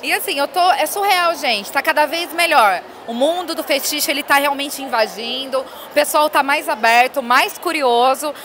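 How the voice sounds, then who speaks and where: A woman's voice: sits high, moderate pace, few pauses, sharp tone, a little hiss or hum. A woman in her thirties, a bold and teasing guest, speaking confidently into a handheld mic at a busy indoor fair. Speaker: interview guest, professional dominatrix. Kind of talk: casual on-location interview. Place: busy indoor expo hall. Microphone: interviewer's handheld mic.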